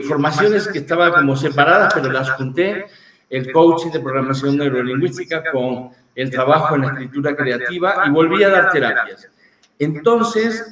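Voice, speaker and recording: A middle-aged man, recounting his path as a therapist in a relaxed, reflective way, pausing often on fillers. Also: a little high. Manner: reflective, frequent fillers like "este". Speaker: therapist and guest. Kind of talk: casual storytelling interview. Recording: echoey room, distant from mic.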